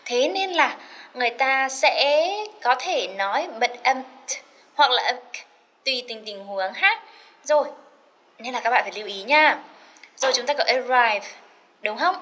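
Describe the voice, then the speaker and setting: A woman teaching an English lesson, chatty and encouraging, slowly repeating words to drill their pronunciation and mixing in English phrases. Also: high-pitched, animated, pushed and bright. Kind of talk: recorded classroom lesson.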